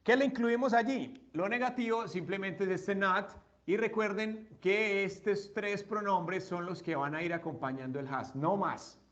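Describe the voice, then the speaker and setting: A man's voice: high-pitched, unhurried, a bit bright, muffled recording. A man teaching an English grammar lesson, explaining step by step and asking his students questions.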